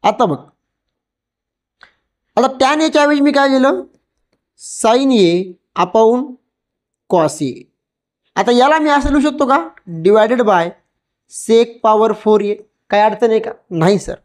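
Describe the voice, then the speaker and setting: Slow, patient woman teacher explaining to a child. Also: fairly high pitch, lively intonation. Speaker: maths teacher. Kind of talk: step-by-step lesson, explaining to a child.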